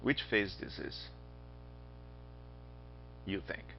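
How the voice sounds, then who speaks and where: Speaking extremely slowly, this astronomy instructor from Brazil has a Brazilian Portuguese accent and keeps his recorded lecture chatty, firing questions at students and making joking asides. Faint music plays behind him on a dull, lo-fi voice recording.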